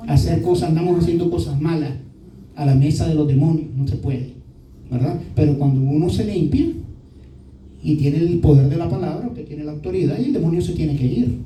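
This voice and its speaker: A male pastor preaches a sermon and keeps checking in with his listeners through short tag questions. His voice is dark and mellow. It echoes around a roomy hall from a distant mic, with faint noise behind. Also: fairly high pitch. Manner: often adds "¿verdad?" as a tag question.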